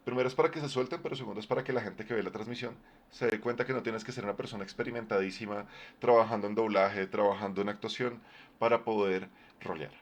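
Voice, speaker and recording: A man with a low, deep voice chats casually on a live stream. He talks loosely and conversationally, with plenty of fillers and restarts as he gives advice. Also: fairly even intonation, quick pace. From Colombia. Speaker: streamer and game master.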